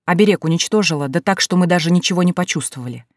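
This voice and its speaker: A woman voicing a calm, sly middle-aged male sorcerer in a storybook reading, explaining at length. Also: on the low side, very fast, no echo, studio quality, lightly acted. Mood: patient.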